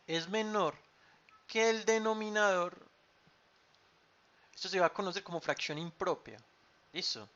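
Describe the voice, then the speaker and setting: Bright-voiced man teaching math. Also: sits high. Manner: patient, repeats key terms with frequent ¿cierto?. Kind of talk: online math class. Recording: dull lo-fi sound.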